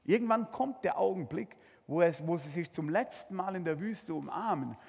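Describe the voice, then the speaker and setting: Dramatic husky-voiced male preacher. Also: sits high, animated, moderate pace, darkish tone, in a large hall. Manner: dramatic, addresses listeners directly with rhetorical questions. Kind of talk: sermon.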